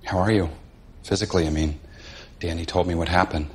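An actor playing a gentle, worried male friend with soft-spoken concern in a naturalistic TV drama. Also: deep voice, fairly even intonation, fairly quick, a little hiss or hum, natural voice. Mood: worried, caring.

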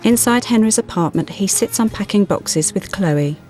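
A woman's voice: mid-range voice, animated, moderate pace. A woman giving scripted scene narration as an audio description narrator. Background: music.

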